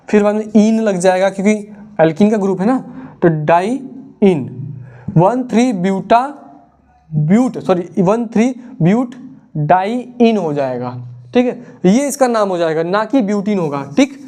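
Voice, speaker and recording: A man's voice: sits high, expressive, measured pace, warm tone. A young man teaching a casual exam revision lesson, chatty, playing out imagined student questions and answers himself.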